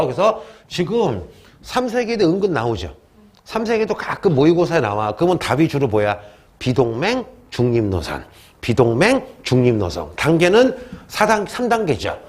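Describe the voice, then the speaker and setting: A man teaching a history class in a classroom, joking with students and asking questions he answers himself. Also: a little high. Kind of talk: classroom lecture.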